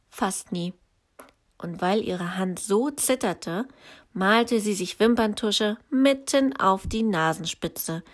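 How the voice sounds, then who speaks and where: A woman reads a children's story aloud in an unhurried, steady way, in a voice of middling pitch. Her telling is calm and measured, as if leaving time for young listeners to follow along. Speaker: teacher.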